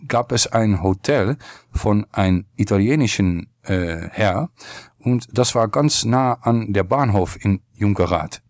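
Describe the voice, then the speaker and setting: A man with a Dutch accent in German, a native Dutch speaker, making a polite, hesitant enquiry in a deadpan way on a prank call. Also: on the low side, unhurried, dry recording, studio quality. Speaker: podcast host making a prank phone call. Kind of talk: deadpan, halting phone enquiry.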